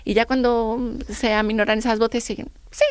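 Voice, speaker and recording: A middle-aged woman, a radio guest telling lively anecdotes and acting out the dialogue. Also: fairly high pitch, moderate pace, smooth, no echo. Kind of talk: radio interview storytelling.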